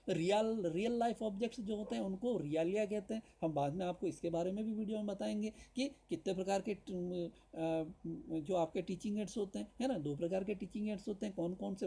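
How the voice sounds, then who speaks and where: A male teacher giving a lecture to trainee teachers, explaining in Hindi, often asking "right?", and reading points slowly. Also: sits high, mellow, husky, low-quality recording. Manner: addresses viewers directly with tag questions.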